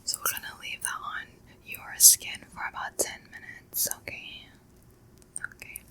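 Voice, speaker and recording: Soft-whispering woman giving a facial. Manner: soft unvoiced whisper, slow soothing guidance. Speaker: ASMR creator. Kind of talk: ASMR whispered facial role-play.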